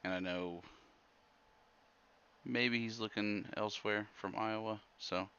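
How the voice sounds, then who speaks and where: Slow, gravelly man hosting a stream. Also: on the low side, fairly even intonation, fairly bright tone, lo-fi sound. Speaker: host. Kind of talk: casual livestream chat, announcing picks.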